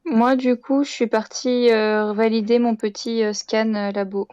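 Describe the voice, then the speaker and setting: Woman, highish pitch, slightly lo-fi dry recording, informal, self-justifying game talk. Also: flat delivery, measured pace, darkish tone, smooth, dry recording. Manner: defensive, explaining herself. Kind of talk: casual game discussion. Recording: slightly dull, lo-fi voice chat.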